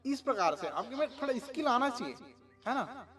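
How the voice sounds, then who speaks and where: High-voiced man teaching a class. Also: big pitch swings, normal speed, crowd noise. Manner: keeps checking with tag questions; asks and answers his own questions. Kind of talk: explaining a school assignment.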